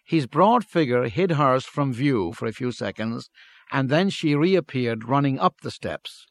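A man reads a literary story aloud in a measured, steady way at an even middle pitch. The sound is dry and close, with no room around the voice. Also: no echo. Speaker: narrator. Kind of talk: scripted story narration.

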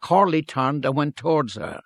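A man narrating a story in a measured, steady reading. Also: fairly high pitch, dry recording.

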